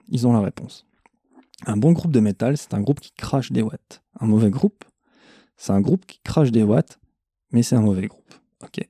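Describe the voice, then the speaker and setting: Male metal podcast host, irreverent and crude, very dark mellow tone, dry close sound. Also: mid-range voice, no echo. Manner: blunt, irreverent, swears freely. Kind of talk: casual monologue answering questions.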